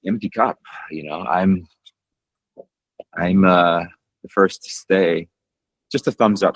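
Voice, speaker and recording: Emotional deep-voiced man on a video call. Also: breathy edge, no echo, poor audio. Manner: candid, halting, emotional, with fillers. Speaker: host of a morning group call. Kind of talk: emotional personal sharing.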